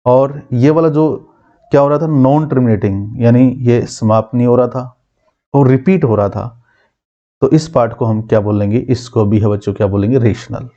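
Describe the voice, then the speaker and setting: Male math teacher, very dark tone, lo-fi audio, quizzes the class and drills terms. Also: medium pitch. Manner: asks students questions and answers them himself; repeats key terms slowly.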